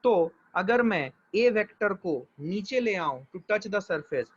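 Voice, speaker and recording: A man with a high voice teaches physics, moving step by step and often asking whether his students follow. He talks patiently and reassuringly, switching freely between Hindi and English. The sound is dull and lo-fi. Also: expressive, slow pace, slightly rough. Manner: mixes Hindi and English, checks understanding often. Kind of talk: live online class. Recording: dull lo-fi audio.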